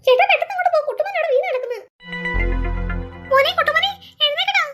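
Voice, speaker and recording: A woman's voice: extremely high pitch, rapid-fire, over music. A woman voicing a young mother in a cartoon, urgent and scolding. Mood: frantic. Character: caring young mother of the family. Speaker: cartoon character.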